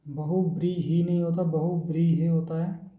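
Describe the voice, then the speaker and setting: A man teaching an exam-prep lesson, going through words one by one in a steady drilling way. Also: a little high, measured pace, reverberant, narrow, tinny audio.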